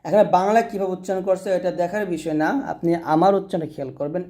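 A man teaching Quran pronunciation, slowly spelling out letters and vowel marks syllable by syllable, with quicker asides to his students. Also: high voice, mellow. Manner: slow, syllable-by-syllable drilling with brief asides.

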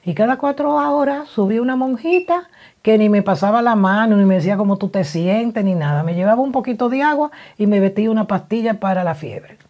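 A woman psychologist shares advice through personal stories, speaking in an animated, emotional way and often restarting her sentences. Her voice is mellow and warm, at a mid pitch. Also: fairly quick. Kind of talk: personal storytelling advice talk.

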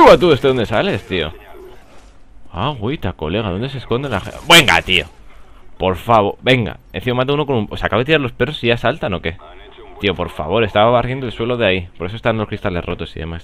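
Rambling Spanish gamer, low voice. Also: male voice. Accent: Spanish from Spain. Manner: rambling, joking, excitable outbursts. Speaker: gaming commentator. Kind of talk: casual live gameplay commentary.

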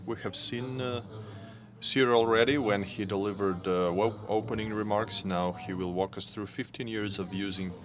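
A man giving a conference presentation, speaking slowly and haltingly with many pauses. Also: lowish voice, steady tone, a crowd in the background.

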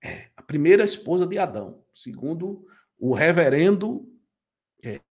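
Guy reacting to church clips, disbelieving and mocking, lively voice. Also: fairly high pitch, unhurried. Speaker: channel host. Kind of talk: reaction commentary.

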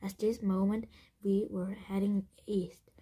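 Lady reading a wise desert caravan guy, breathy, slow and soft. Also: medium pitch, little pitch movement. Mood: wistful. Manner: slow, soft, half-whispered delivery. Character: grown man, a wise desert caravan leader.

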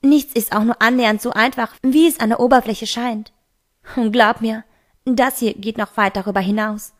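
Woman reading as a secretive teen girl dodging questions, a bit high voice. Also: fairly even intonation, moderate pace, natural voice. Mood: curt. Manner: evasive, reassuring. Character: teenage girl, secretive, defensive.

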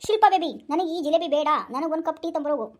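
A woman plays a whiny, henpecked young husband in a comedy sketch. He pleads and protests at high pitch, saying the same thing over and over in a quick, breathless rush. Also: darkish tone, lightly acted. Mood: protesting. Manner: pleading, protesting and repeating himself. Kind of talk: comic sketch acting.

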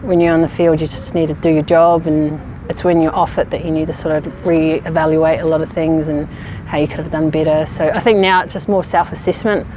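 A woman in her thirties from New Zealand, a rugby player answering interview questions outdoors in a frank, relaxed way with many fillers. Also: sits low, brisk, noisy background. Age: 30s. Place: outdoors on a sports field. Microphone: camera at medium distance.

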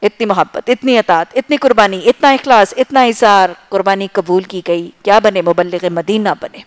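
Impassioned woman preaching in short bursts. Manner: impassioned, rhythmic lists of short phrases; swings between loud emphasis and soft low asides. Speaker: Islamic preacher. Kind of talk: sermon.

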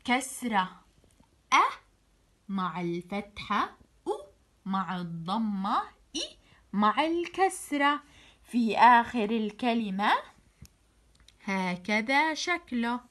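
Woman, children's teacher, slow and slightly high voice, drills letter sounds over and over, encouraging. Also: sing-song, a bit bright. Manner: praising, encouraging. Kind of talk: children's phonics lesson.

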